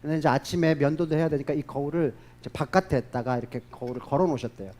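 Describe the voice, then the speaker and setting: A male pastor with a slightly high voice preaches quickly, telling stories with energy and voicing each character in them himself.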